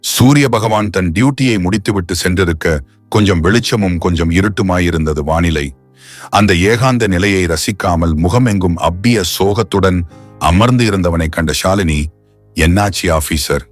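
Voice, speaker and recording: Man, novel narration, very deep voice, measured storytelling, soft music behind. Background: faint music.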